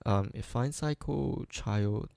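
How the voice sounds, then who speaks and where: A man's voice: mid-range voice, slow pace, creaky, dark tone, no room sound. A man live coding and thinking aloud, hesitant and full of ums and restarts, making light fun of his own mistakes. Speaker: coding streamer.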